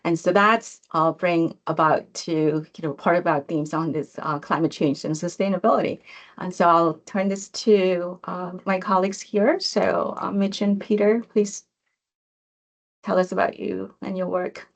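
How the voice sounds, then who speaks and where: Woman hosting a webinar, lowish voice, lots of ums and restarts. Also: fairly even intonation, measured pace, vocal fry. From Cambodia. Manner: hesitant, many fillers and restarts. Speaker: professor and session host. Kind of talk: online information session.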